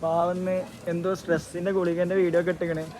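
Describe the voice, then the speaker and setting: A man's voice: high-pitched, monotone, quick pace. A man with a Kerala accent vlogging casually with friends, mixing Malayalam with English words. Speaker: amateur vlogger. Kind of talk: casual vlog chat with friends. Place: outdoors on a trip. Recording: loud crowd and outdoor traffic noise.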